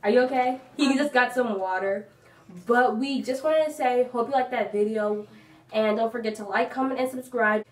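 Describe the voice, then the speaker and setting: A woman's voice: a little high, moderate pace. A woman hosting a casual family game on a home vlog, chatty and giggly as she reads out game cards. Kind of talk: casual chat. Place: echoey room indoors. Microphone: phone camera from across the room. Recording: echoey room, distant phone mic.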